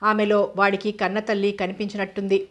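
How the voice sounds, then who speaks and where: A woman narrating an audio novel in a steady, even reading voice. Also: medium pitch, brisk.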